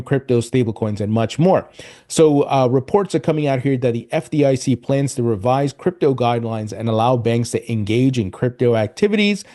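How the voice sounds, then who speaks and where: Upbeat and casual, this man hosts a crypto news show, speaking to camera and addressing his viewers as "guys" again and again. His voice is mid-range and mellow.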